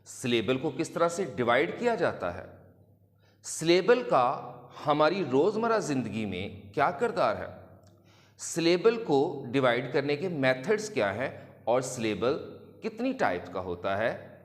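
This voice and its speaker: Slow, lively-voiced male English teacher. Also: medium pitch, long reverb tail. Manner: slow, deliberate, stretches example words. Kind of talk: classroom lesson explanation.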